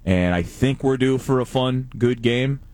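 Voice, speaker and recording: A man of middling pitch co-hosting a sports talk show, chatting casually and breaking into laughter as he jokes around. His voice sits dry and close on the mic, with no room sound around it. He often trails off and restarts his sentences. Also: unhurried, darkish tone, dry recording.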